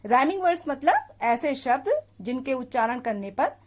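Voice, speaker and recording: A woman's voice: high voice, lively intonation. A woman teacher with an Indian English accent, patiently explaining an English poem and its words in a classroom lesson. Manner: slow, patient explaining, switching between Hindi and English.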